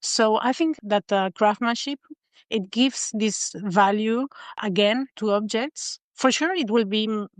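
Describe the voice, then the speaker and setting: A Spanish-accented woman talks as an interview guest, thoughtful and measured, with frequent small pauses. Her voice sits at a middle pitch and the sound is dry and close, with no room around it. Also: no echo. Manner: thoughtful, many filler pauses. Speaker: guest designer. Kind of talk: podcast interview.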